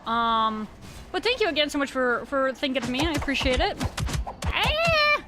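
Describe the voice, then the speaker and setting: A woman's voice: sits high, expressive, fairly quick, loud music behind the voice. A woman game streamer chatting casually with her viewers in a rambling, slangy, informal stream of talk. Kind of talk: casual live-stream chat with viewers while gaming.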